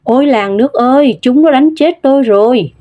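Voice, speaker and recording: A woman reading a story aloud and voicing a sharp-tongued young village wife and mother, on a dull lo-fi recording. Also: animated, measured pace. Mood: wailing. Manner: shrill, sharp.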